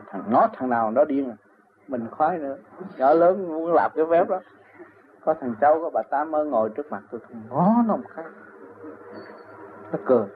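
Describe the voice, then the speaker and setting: An older man with a Southern Vietnamese accent, telling long personal stories in an interview and chuckling often as he talks. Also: fairly high pitch. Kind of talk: rambling personal storytelling. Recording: tinny phone-like recording with faint noise.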